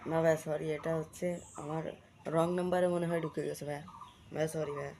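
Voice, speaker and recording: A man with a Bangladeshi accent hosts prank-call videos, chatting informally to viewers with repetitive running commentary. His somewhat high voice is level and fairly quick, a little mellow, with slight hiss or hum in the recording.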